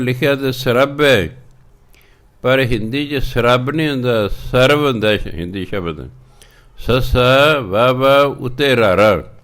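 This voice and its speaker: A man giving a religious discourse, reciting verses slowly and drawn out and then explaining how to pronounce them. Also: mid-range voice, a bit bright, smooth. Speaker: preacher teaching scripture reading.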